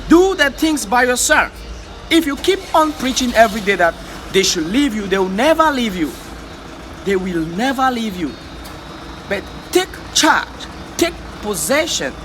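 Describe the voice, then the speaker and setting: An African man, a vlogger, delivers a fervent motivational monologue in a very high, sing-song voice that's unhurried and a bit bright, with a slight hiss or hum underneath. He exhorts his audience, repeats himself, and stammers over words when he gets heated.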